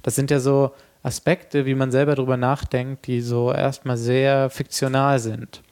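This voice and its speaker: Creaky-voiced man thinking aloud. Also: medium pitch, flat delivery, measured pace, a little mellow. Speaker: artist discussing a project. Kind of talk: reflective conversational discussion.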